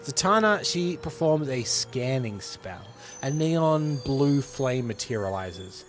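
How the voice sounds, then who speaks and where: A man hosting a casual podcast, retelling a script with lively energy and frequent laughs. His voice sits in a middle register. Faint music plays underneath. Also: medium pitch, slow pace. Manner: animated retelling, laughs often. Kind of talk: casual storytelling chat.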